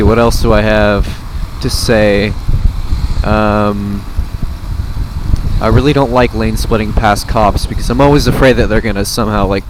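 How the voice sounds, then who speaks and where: An American man rambles casually as he rides, his voice coming from inside a motorcycle helmet over a comm mic. His pitch is average, and clear road and vehicle noise runs behind him. He talks like a vlogger, loose and sarcastic. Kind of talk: casual rambling commentary while riding. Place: outdoors, riding a motorcycle on a freeway. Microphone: helmet comm system microphone. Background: traffic and vehicle noise.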